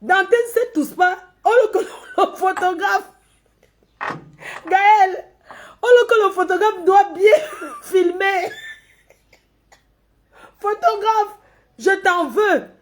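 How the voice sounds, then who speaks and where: A woman's voice: very high voice, slow, pauses often, a little hiss or hum. A woman with a Cameroonian French accent giving casual live commentary, mocking and scolding with frequent laughter. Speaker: social media commentator.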